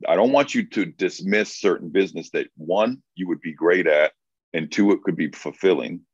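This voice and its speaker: A man's voice: low voice, normal speed, dry recording. A man, co-hosting a casual advice talk for writers, thoughtful and prone to restarting his sentences. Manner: thoughtful, restarts and repeats words. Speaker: co-host, coach for writers. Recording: dry, dull lo-fi sound.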